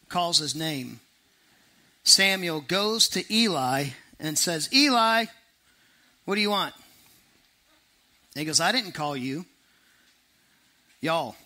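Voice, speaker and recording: Bright-voiced preacher, animated. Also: male voice, a little high. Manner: animated, conversational preaching with quick asides and dramatic slowdowns. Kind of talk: sermon.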